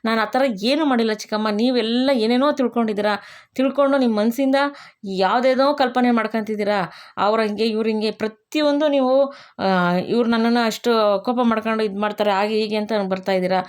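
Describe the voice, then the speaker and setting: A woman voicing a gentle young wife who pleads with and then reproaches her aunt in a retold serial story. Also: fairly high pitch, fairly even intonation, fairly quick, lightly acted. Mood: reproachful pleading. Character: young heroine, gentle wife turned accuser.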